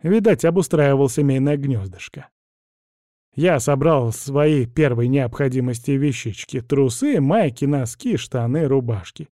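A man's voice: mid-range voice, mellow, no room sound, clean studio sound. A man narrating a first-person audiobook in a wry, conversational storytelling manner.

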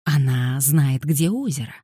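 A level-headed boy who speaks calmly and firmly, reasonable even under pressure, as a woman reads him in a low, warm voice. The recording is close and dry. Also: a little slow, slightly rough, dry recording, full character voice. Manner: calm, firm and reasonable. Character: boy, calm and fair-minded.

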